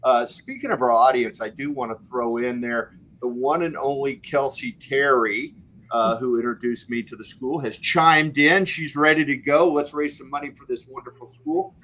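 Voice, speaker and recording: A man's voice: mid-range voice, normal speed, sharp tone, a little hiss or hum, poor audio. Upbeat encouraging male auctioneer. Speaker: auctioneer and co-host. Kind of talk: live-streamed fundraiser chat.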